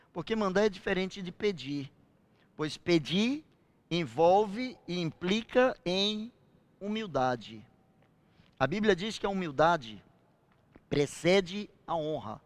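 An older man preaching a sermon, slowing down and swelling on key phrases. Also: high-pitched, dry recording.

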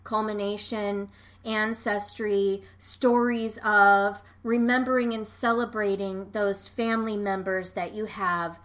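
A woman's voice: mid-range voice, fairly even intonation, slow pace, a bit bright. A woman co-hosting a podcast in casual chat, talking frankly and rambling, swearing offhandedly. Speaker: podcast co-host.

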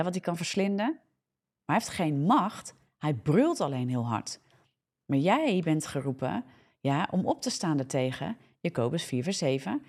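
Low mellow-voiced Dutch woman preaching. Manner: fervent, frequent checking "ja?", restarts and self-corrections. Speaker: preacher hosting a live morning prayer broadcast. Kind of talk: preaching a live social media sermon.

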